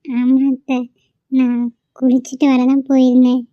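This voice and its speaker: A bashful young newlywed, voiced by a woman in a cartoon, coy and quick to dodge her aunt's questions. Her voice is high and bright. It is recorded dry and up close. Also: monotone, dry recording, muffled recording, close to an everyday voice. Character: shy young newlywed wife. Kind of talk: cartoon voice acting.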